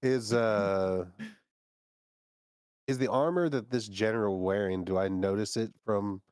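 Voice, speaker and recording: A man playing a tabletop game, speaking slowly and hesitantly. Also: fairly low pitch, darkish tone, smooth, no room sound, studio quality. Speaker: player. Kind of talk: tabletop role-play.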